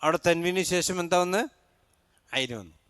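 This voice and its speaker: A man teaching a mosque class on Quran recitation, his voice smooth and resonant and a little above the usual pitch for a man. He chants each verse slowly, then explains the rules and asks his class questions. The sound is dry and close. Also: fairly bright tone, dry recording.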